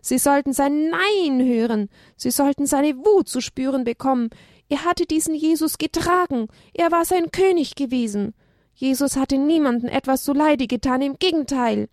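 A woman reading a children's story aloud, expressive and dramatic. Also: sits high, normal speed, no room sound, clean studio sound.

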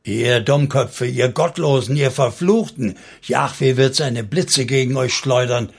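A man voicing a zealous, hot-tempered male priest who shouts his words. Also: a little high, big pitch swings, normal speed, vocal fry, breathy edge, exaggerated voice. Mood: raging. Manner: shouting, fervent.

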